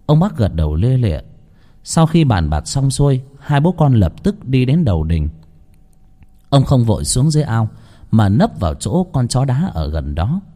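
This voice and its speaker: A man narrating a ghost story in a lively, dramatic way. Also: mid-range voice.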